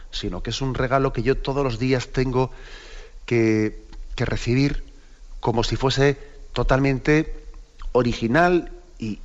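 A bishop with a Spain Spanish accent teaches the catechism in a relaxed, conversational way, often turning to his listeners with quick tag questions. His voice sits at an ordinary male pitch. The recording is a little dull and lo-fi. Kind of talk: catechesis talk.

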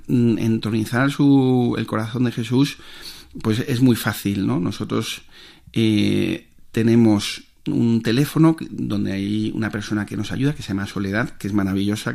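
A priest, telling stories as a guest in a casual radio interview, with many fillers. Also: male voice, on the low side, moderate pace, gravelly, a little mellow.

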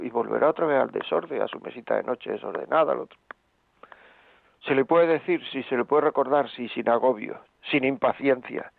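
A man's voice: medium pitch, vocal fry, dry recording. Emphatic man giving advice over a narrow line. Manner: repetitive and emphatic, with rhetorical questions. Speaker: radio presenter giving relationship advice. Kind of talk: radio advice talk. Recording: phone-like band, dry.

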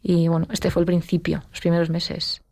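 A middle-aged woman with a Spanish accent, telling her personal story as an interview guest, emotional and quick. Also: fairly low pitch, little pitch movement, a little mellow, no room sound, studio quality. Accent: Spain. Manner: fast, emotional storytelling with acted quotes. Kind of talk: personal testimony in conversation.

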